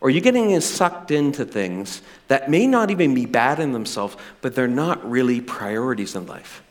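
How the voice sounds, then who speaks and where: A middle-aged male pastor preaching a sermon with animated, self-deprecating humor. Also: mid-range voice, normal speed.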